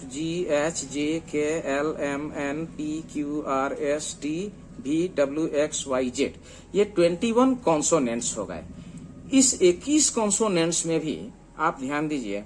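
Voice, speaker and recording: A man teaching a beginner English lesson, slowly spelling out letters one at a time. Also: on the high side, a little hiss or hum. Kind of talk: screen-based lesson explaining letters.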